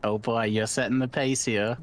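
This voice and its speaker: A man's voice: medium pitch, fairly even intonation, normal speed. A man chatting casually as a streamer who voices game characters.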